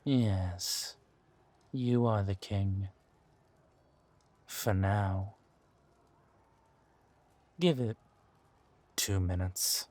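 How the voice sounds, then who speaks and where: In a fantasy audio drama, a man plays a ruthless warrior villain who mocks and threatens. His voice is deep, husky, and darkish in tone. He delivers his taunts slowly and deliberately.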